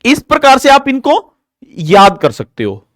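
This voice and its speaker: This dry, studio-quality clip features a man teaching grammar live online. Slow and deliberate yet animated in pitch, he breaks the material into steps and drills it by asking and then answering his own questions.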